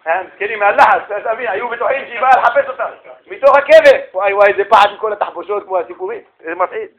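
A man teaching a Talmud class in colloquial storytelling, animated and emphatic, acting out the characters' dialogue. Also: high voice, highs cut off. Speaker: Torah teacher.

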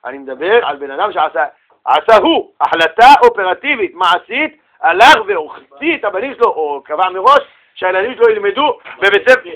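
Male religious teacher, lively storyteller, high ringing voice, acts out the people in his stories. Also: rough recording. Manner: rhetorical questions to the audience. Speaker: Torah teacher. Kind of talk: religious lesson.

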